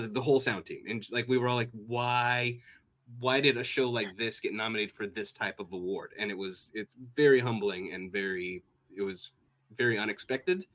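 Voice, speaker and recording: A man's voice: on the low side, a bit bright. A man from Washington State with an American accent, telling stories as a guest in a casual interview, full of fillers and restarts. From Washington State, USA. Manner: rambling, filler-heavy, acts out quoted speech. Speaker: sound designer guest.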